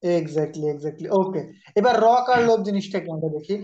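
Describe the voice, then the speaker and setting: A man's voice: sits high, lively intonation, moderate pace, dark tone, muffled recording. A man with a Bangladeshi Bengali accent teaching an online exam-prep grammar class, who explains patiently and calls on students by name.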